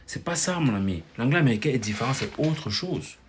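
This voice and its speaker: A man from Cameroon, giving casual, animated advice to viewers and repeating his points. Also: medium pitch, brisk, slight background noise. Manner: animated, repetitive, calls viewer brother. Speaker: language-learning vlogger.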